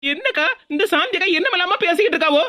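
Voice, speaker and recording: A woman plays a young unmarried working woman in a cartoon who protests against talk of her marriage. She speaks in a with a bright, very high voice. Her delivery is very rapid. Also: animated, heavily acted. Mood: indignant. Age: young adult. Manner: protesting, indignant. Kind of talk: cartoon voice acting.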